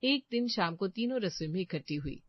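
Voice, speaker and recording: A woman's voice: medium pitch, lively intonation, a little fast, lo-fi sound. Woman narrating a family story.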